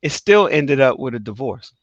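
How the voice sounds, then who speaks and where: A man's voice: medium pitch, very animated, normal speed, no room sound. A middle-aged man hosting an interview, speaking earnestly and testifying from his own life with emphatic repeats. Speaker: host. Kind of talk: casual interview talk. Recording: dry, slightly dull sound.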